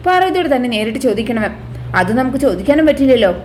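A woman's voice: a little high, big pitch swings, fast talker, slight background noise. A woman voicing a cautious, worried man who is the villainess's younger accomplice. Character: anxious loyal younger brother, accomplice man.

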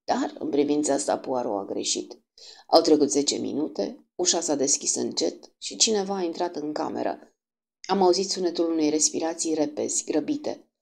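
Low husky lady reading an audiobook, calm and measured. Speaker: audiobook narrator. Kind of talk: audiobook narration.

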